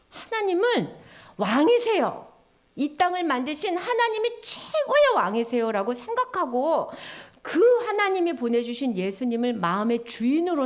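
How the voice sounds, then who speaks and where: A woman giving a children's sermon in a lively, sing-song storytelling way, acting out little voices. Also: sits high.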